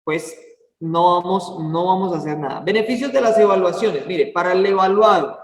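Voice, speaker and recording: A man's voice: high-pitched, normal speed. A man teaching a church class in a chatty way, full of fillers and asking listeners for words. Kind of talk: informal church lesson. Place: church hall. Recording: echoey hall, far from the mic.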